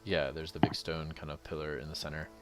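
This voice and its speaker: A man narrates a tabletop game as its game master. His voice is very deep, and he explains scenes casually, feeling his way through them. Faint music plays behind him. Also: completely flat delivery, brisk, a bit bright. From United States.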